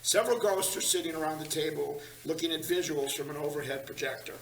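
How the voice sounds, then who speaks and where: At a screenplay table read, a man reads the stage directions as narrator, his voice fast, gravelly, on the high side and a bit bright. The group sits around tables in a large meeting room, and the recording sounds echoey, distant and slightly noisy.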